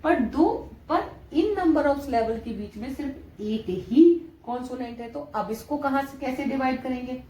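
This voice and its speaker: With a warm, high voice, a young woman speaking Indian English teaches a classroom-style English lesson at a measured pace, barely pausing. She explains things step by step and keeps asking questions to make sure everyone follows. Her voice echoes in the room over faint background noise.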